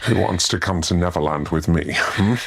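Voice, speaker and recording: An actor playing a sinister adult Peter Pan who lures children away, speaking slowly in a taunting, menacing voice in a horror film trailer. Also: male voice, low-pitched, heavy background noise. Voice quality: gravelly, menacing. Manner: slow, taunting, coaxing. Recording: film clip over loud score.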